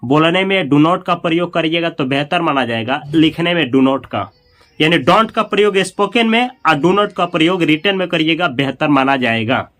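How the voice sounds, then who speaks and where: A man teaching an English grammar lesson in Hindi, repeating each example slowly and asking his students questions. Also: fairly high pitch. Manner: acts out commands with louder emphasis.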